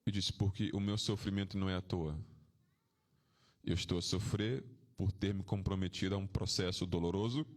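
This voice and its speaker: A man, a swami, gives an informal spiritual talk to devotees, reflective and anecdotal, with rhetorical questions and frequent dips into a soft, low tone.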